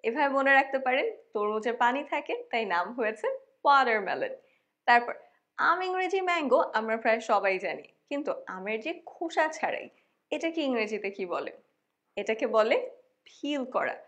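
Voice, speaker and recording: A woman from Bangladesh narrating a scripted vocabulary lesson, saying each word clearly and repeating it for practice. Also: a little high, very animated, moderate pace, a bit bright. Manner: clear, drilling pronunciation with repetitions. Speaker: English vocabulary teacher.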